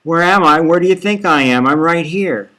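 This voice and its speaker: A man's voice: sharp tone, low-quality recording. A man reading a novel aloud, voicing a frightened, tearful young woman who snaps back defensively. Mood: upset, snappish. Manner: shrill and defensive, quick retorts. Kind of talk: audiobook character voice.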